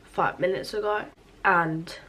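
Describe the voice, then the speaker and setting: A teenage beauty vlogger from England chats and rambles through a get-ready-with-me while doing her makeup, still sleepy from just waking up and saying "like" constantly. Her lowish voice is slow with fairly even intonation, sounding pushed and bright, with slight background noise.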